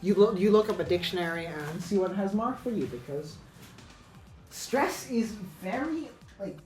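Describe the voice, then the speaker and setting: A woman's voice: medium pitch, expressive, normal speed, darkish tone, reverberant, soft background music, rough recording. A woman teaching English pronunciation in a casual lesson, thinking aloud with many fillers and self-corrections.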